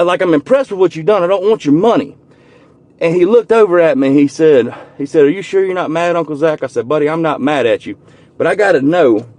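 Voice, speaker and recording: A young man, telling a personal story in a casual, heartfelt way from inside his truck, repeating and restarting words and softening when he is moved. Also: a little high, no room sound.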